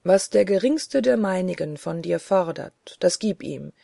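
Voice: medium pitch, lively intonation, unhurried, vocal fry, dark tone, no room sound, clean studio sound, heavily acted. A reader as a solemn, commanding angel spirit.

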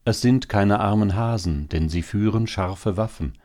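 Reading a little slowly in a natural voice, a man brings to life a wry, gloomy hare offering consolation in a sober storybook tale. The somber delivery is low, deep, and calm, dark and mellow enough to soothe, while quiet bitterness lingers in the words.

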